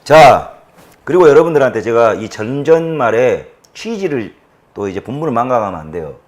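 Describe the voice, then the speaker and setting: A man with a Jeolla Korean accent hosting a political commentary show, ranting in a fiery, profane way that swings from shouting to low muttering. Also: very animated, moderate pace. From Jeolla, South Korea. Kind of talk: political rant to an audience.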